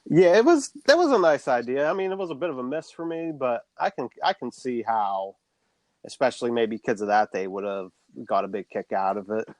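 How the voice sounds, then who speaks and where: A man's voice: medium pitch, lively intonation, fairly quick, a little mellow, no echo. Casual, swearing male podcast host. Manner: casual, swears freely, plain recap delivery. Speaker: podcast co-host recapping a film. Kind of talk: casual podcast chat and plot recap.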